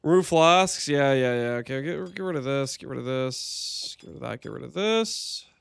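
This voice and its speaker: Male streamer on a dry headset mic, smooth-toned, animated, joking with chat while he plays. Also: mid-range voice, normal speed, no echo. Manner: chatty, joking, thinks aloud to chat. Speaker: livestreamer. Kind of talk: casual gameplay commentary.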